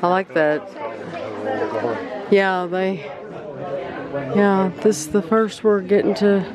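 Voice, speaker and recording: A woman's voice: medium pitch, steady tone, slow. A woman narrating a casual travel vlog as she films in a large shop. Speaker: vlogger. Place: large gift shop at rest stop. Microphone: handheld camera, held by speaker. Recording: busy shop with crowd chatter.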